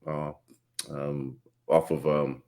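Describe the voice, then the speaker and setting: Deep-voiced man hosting a casual chat. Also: slow. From Bahamas. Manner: relaxed, rambling, laughs often. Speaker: podcast host.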